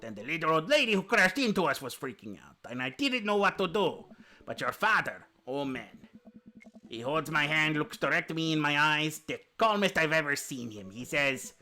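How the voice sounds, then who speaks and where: Bright-voiced man reading a dating sim. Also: on the high side. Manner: playful, jokey asides. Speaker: streamer.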